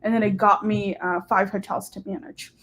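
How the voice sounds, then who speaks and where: A young adult woman guesting on a live-streamed interview, she works as a short-term rental host and hotel manager. Her medium-pitched voice is fairly bright, with flat delivery at a moderate pace. She chats in a casual, upbeat way, dropping lots of "like" and "um" fillers.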